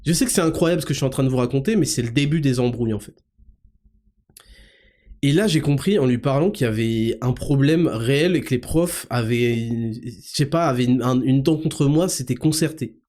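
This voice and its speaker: A man hosting a podcast, telling a personal story in a rambling, colloquial, animated way. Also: medium pitch, a little fast. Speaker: podcast host. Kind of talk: casual storytelling to listeners.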